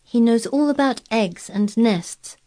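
A woman's voice: fairly high pitch, expressive, slow pace, dark tone, pitched above the performer's own voice. A woman reading aloud, voicing a blunt, contrary girl who speaks earnestly and stubbornly. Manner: obstinate, earnest, eager describing.

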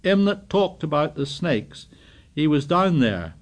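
A man's voice: fairly high pitch, sing-song, unhurried, pitched above the performer's own voice. A man voicing an indignant, fussy schoolboy who scolds breathlessly in dialect grammar. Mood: gasping, fearful.

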